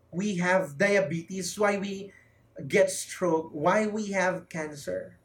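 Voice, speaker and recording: A preacher with a Filipino accent giving an emphatic sermon, repeating key phrases and swinging between loud, fervent lines and quiet ones. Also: mid-range voice.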